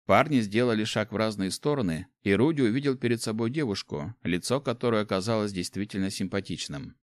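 A man narrating a fantasy story in a lively, expressive reading. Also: on the low side, brisk, no room sound. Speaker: audiobook narrator.

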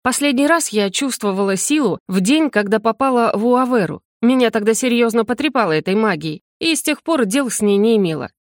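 A woman voicing a spirited young woman student who speaks in lively, indignant outbursts. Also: on the high side, a little fast, hardly any pauses, no echo, studio quality, natural voice.

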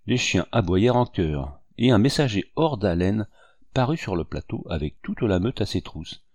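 A man with a low, dark voice reading a classic novel aloud as an audiobook. His delivery is measured and expressive, with a close, dry studio sound and no room echo. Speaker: audiobook narrator. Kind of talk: literary audiobook narration.

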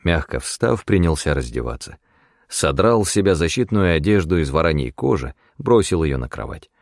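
A man narrating a first-person audiobook in a measured, expressive reading. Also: rumbling low, no echo, clean studio sound.

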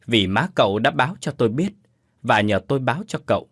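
A man voicing a sorrowful, calm older woman in a storybook ghost tale, speaking slowly and solemnly. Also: medium pitch, slightly rough, dry recording, studio quality. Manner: slow, solemn, measured.

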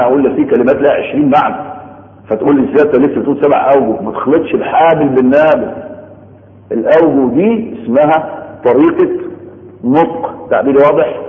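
A man with an Egyptian Arabic accent gives a religious studies lecture. He explains step by step, repeats his points and keeps checking that his listeners are following. The recording rings with a long hall echo and sounds thin and phone-like. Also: medium pitch. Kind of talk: Egyptian colloquial lecture on Quran sciences. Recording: echoey hall on a tinny phone-like line.

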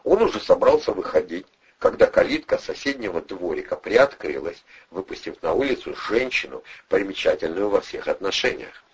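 A man reading a crime audiobook, wry and expressive, his pitch swinging widely. His voice is husky, and the recording sounds dull and lo-fi. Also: moderate pace. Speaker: audiobook narrator. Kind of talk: audiobook narration.

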